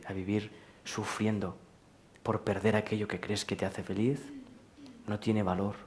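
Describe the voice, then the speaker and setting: A man giving a live talk to an audience in a large hall, speaking in a questioning, rhetorical way and gently teasing his listeners. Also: on the low side. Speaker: speaker at a public lecture. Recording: roomy hall echo.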